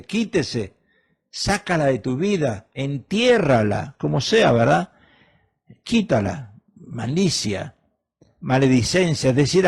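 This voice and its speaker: A man's voice: medium pitch, vocal fry, breathy edge. A middle-aged man preaching a sermon as a pastor, emphatic and full of rhetorical questions.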